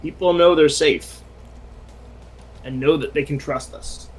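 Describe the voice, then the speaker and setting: A man voicing an earnest young superhero team leader, speaking in measured, in-character lines during a tabletop game. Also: a little high, steady tone, a little hiss or hum, close to an everyday voice, low-quality recording. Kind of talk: in-character tabletop role-play.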